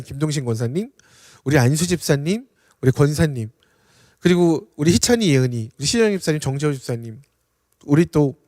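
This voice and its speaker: High, lively-voiced young male pastor preaching. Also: no echo, studio quality, in a large hall. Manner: earnest, asks the congregation questions and answers them. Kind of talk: sermon. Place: church sanctuary.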